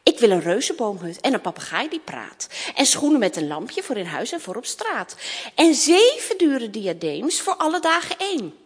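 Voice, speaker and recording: A woman's voice: on the high side, very animated, normal speed, breathy edge. A woman voicing a spoiled, demanding young princess in a storybook reading, whiny and insistent. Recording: long hall reverb.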